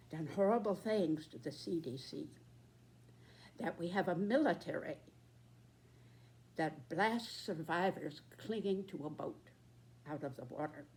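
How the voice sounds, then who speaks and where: A woman in her nineties giving a reflective, earnest address in short, halting phrases. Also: fairly low pitch, darkish tone, a little hiss or hum. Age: 90s. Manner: very old person's slow, halting delivery in short phrases.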